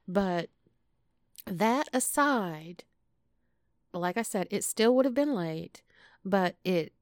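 Woman, casual solo podcast chat, slow pace, teasing endearments, dry recording. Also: mid-range voice, clear, resonant tone, dry recording. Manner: flirtatious, playful, addresses listeners with pet names. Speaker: podcast host.

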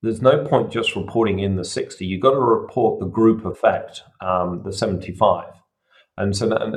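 A middle-aged man, a surgeon talking on a podcast and explaining things patiently with everyday examples. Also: deep voice. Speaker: surgeon guest. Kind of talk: casual podcast interview.

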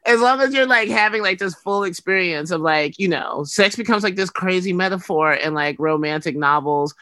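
A man with a bright, androgynous voice that can pass for a woman's. He talks as a candid interview guest, blunt and slangy, with emphatic delivery and a very dry sound. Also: high voice, normal speed, dry recording. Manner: androgynous voice, often taken for a woman's. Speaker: guest, writer. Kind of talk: casual, candid interview chat.

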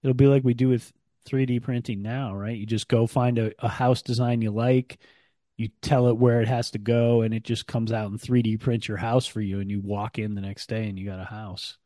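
A man's voice: medium pitch, level tone, a little fast, warm tone, no room sound. Wry middle-aged man, dry close mic. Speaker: podcast co-host. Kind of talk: casual chat.

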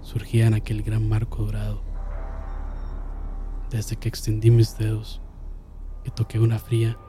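A man narrating a horror story in a slow, solemn manner, dropping to a hush and swelling again. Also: fairly low pitch, completely flat delivery, music in the background. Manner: slow, solemn, with hushed drops and sudden swells. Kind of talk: dramatic horror story reading.

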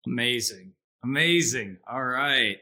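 Bright-voiced male podcast host. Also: mid-range voice, slow. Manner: relaxed, chatty, laughs easily. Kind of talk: casual interview chat.

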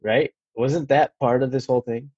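Husky, dry-sounding man teasing. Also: mid-range voice, steady tone, normal speed, a little mellow, no room sound, muffled recording. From Washington State. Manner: wry, teasing. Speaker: podcast co-host. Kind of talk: casual chat.

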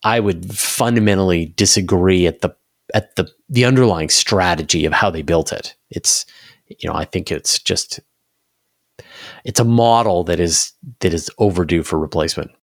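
A space news commentator, appearing as an interview guest, explains things at length in a low voice at a moderate pace, restarting phrases as he reasons aloud. The recording is studio quality with no echo.

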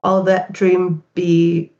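A woman who writes about games, talking quickly and animatedly as a podcast guest, with fillers. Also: lowish voice, completely flat delivery, mellow, dull audio. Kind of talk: casual interview chat.

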